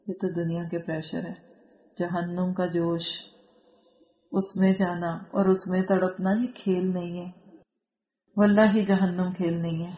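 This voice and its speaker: A woman's voice: mid-range voice, mellow, slight background noise. Earnest woman teaching Quran commentary, roomy echo. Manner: earnest, admonishing, quotes Arabic verses then explains them. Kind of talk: Urdu Quran commentary lecture.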